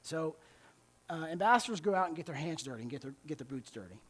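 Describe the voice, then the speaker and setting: A man's voice: a little high, animated, quick pace, slightly rough. Guy from the us doing a church talk, chatty, keeps restarting and asking okay?. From United States. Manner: conversational, repeats words while restarting, checks in with "okay?" and "right?". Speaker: speaker giving a church talk. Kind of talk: sermon-style talk.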